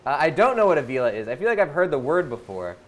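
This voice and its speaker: A man's voice: a little high, sing-song, fast, slight background noise. A man hosting a live game stream, chatting casually and reading viewer comments aloud between moments of play. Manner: casual, lots of uh fillers, reads comments aloud.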